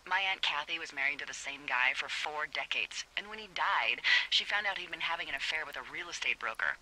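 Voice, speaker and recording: An actress voicing a wry, teasing woman fire lookout who talks over the radio in a video game, playful and quick to laugh. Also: deep voice, lively intonation, pushed and bright, heavily acted, poor audio. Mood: candid.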